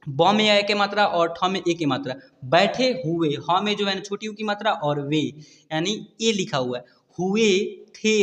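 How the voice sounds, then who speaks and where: A man with a fairly high voice leads a slow reading lesson, sounding out each word letter by letter before joining it up. His voice hangs in a long, echoing reverb. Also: a bit bright. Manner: spells words out letter by letter, repeating "ठीक है". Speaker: Hindi teacher.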